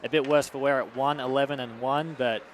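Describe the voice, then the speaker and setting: A man's voice: mid-range voice, fairly even intonation, fairly quick, noisy background. A man calling an amateur hockey game play-by-play from a rink commentary booth, chatty, with joking asides during sponsor plugs.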